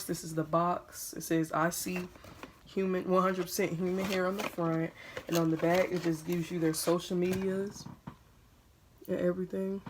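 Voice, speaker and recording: A woman's voice: on the low side, background noise. A young woman chatting casually to her viewers while unboxing a wig at home, talking around a piece of gum. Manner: chatty, addresses viewers as "y'all", chewing gum. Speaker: beauty vlogger.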